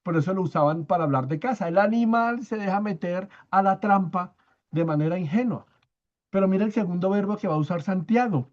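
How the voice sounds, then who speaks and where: A man teaching a church Bible study, explaining step by step, often checking in with his listeners and repeating key words slowly for emphasis. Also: sits high, a little mellow, lo-fi sound. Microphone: own microphone.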